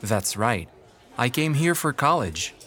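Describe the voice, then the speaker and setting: A man's voice: medium pitch, sing-song, a little slow, pushed and bright, full character voice. An actor playing an easygoing young male college student in a scripted textbook dialogue. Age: young adult.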